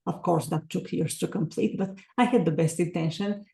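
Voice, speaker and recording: A woman's voice: on the low side, normal speed, gravelly, dark tone, roomy sound. A woman, a podcast guest talking earnestly and reflectively with many fillers. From Bulgaria. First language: Bulgarian. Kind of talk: casual interview talk.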